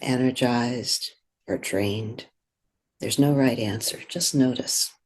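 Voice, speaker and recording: A meditation guide with a mid-range voice speaks gently and soothingly, never hurrying. The instructions come slowly, separated by long pauses.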